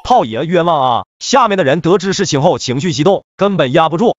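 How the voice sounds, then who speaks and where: A man's voice: a little high, animated, a little fast, no room sound, highs cut off. A man voicing a sly, scheming young gang thug with a sneering, defensive manner.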